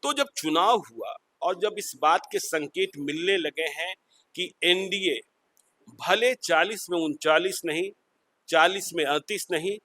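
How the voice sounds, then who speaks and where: A man's voice: sits high, pushed and bright, no echo. A man hosting a political panel discussion, speaking formally and leading with long questions. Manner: formal, measured, leads with questions. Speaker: host.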